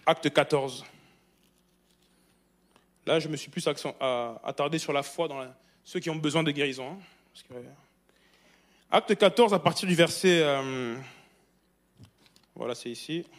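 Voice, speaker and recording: A man's voice: on the high side, normal speed, long pauses, fairly bright tone. A man preaching a sermon in a church with fervent repetition and frequent hallelujahs.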